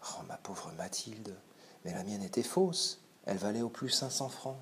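A man reading aloud the lines of an elegant, well-off Parisian lady in a classic short story, speaking softly, slowly and at times in a whisper. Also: medium pitch, lively intonation, slight background noise, lightly acted. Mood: astonished.

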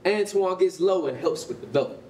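In a concrete-walled rehearsal hall, an American man narrates at a staged reading, reading the scripted stage directions. His voice sits high with a dark tone, lively intonation and a normal speed, captured roomy on a distant mic with faint noise.

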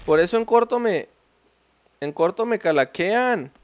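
A young man with a Mexican Spanish accent giving casual, slangy commentary as he plays a mobile game, talking to himself and yelling when things explode. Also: high voice, unhurried. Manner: excitable, slangy, talks to himself while playing. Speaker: gameplay streamer. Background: faint game music.

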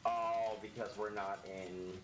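Deep-voiced man streaming a game. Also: little pitch movement, takes it slowly. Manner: rambling, joking. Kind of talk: casual gaming chat. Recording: muffled stream mic with noise.

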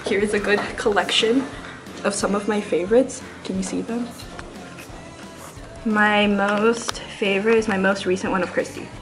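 A woman's voice: medium pitch, steady tone, moderate pace, over music. A giggly young woman, a taiko club officer, chatting casually in an echoey room. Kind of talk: casual chat.

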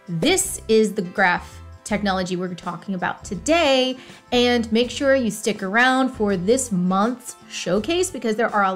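A woman in her thirties hosting a tech review show, energetic and upbeat, speaking from a room at home. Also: a little high. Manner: energetic, quick affirmations. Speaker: host. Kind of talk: upbeat show intro and interviewing. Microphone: webcam, video call.

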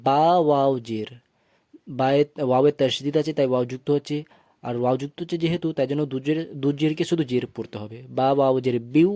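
A man teaching Quran reading, slowly spelling out syllables and chanting short recited phrases in a patient classroom manner. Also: medium pitch, dark tone, no echo, studio quality. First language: Bengali. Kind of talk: tajweed lesson, spelling out and reciting verses.

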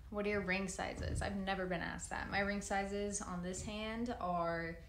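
A woman's voice: medium pitch, fairly even intonation, unhurried, roomy sound, noisy background. A woman in her twenties hosting a casual livestream, answering comments in a laid-back, chatty way with frequent swearing, recorded on a phone at arm's length in a plain room. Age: 20s. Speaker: livestream host. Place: large plain room indoors. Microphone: phone camera at arm's length.

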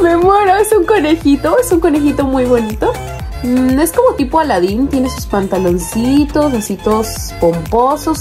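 A young woman chatting casually as she unboxes toys, excitable, often squealing over cute little figures. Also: fairly high pitch. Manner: chatty, uses many diminutives. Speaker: toy collector vlogger.

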